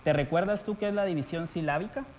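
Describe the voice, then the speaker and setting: A man from Guatemala teaching a televised classroom lesson, speaking straight to the viewer and drawing out example words slowly. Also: high-pitched, a little mellow. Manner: addresses the viewer directly, stretches out example words while dictating. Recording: TV studio audio with long reverb and faint hum.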